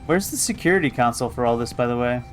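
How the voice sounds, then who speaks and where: Male game streamer, medium pitch, casual commentary, thinking aloud, faint music behind. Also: animated, fast talker. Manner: musing aloud to himself.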